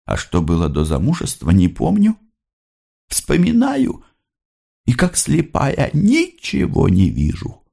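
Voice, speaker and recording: Man putting on a high voice, older mother from a storybook, gentle, pleading, emotional, lively swings in pitch. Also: slow pace, vocal fry, slightly rough, full character voice. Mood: sorrowful. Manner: higher, pleading, emotional delivery. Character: older working-class mother, gentle, worn by hardship.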